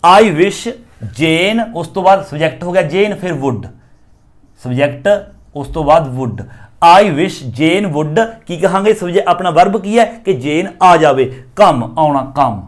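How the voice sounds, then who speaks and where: A man explaining an English grammar exercise, reading the example sentences slowly and then explaining them. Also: on the high side, animated.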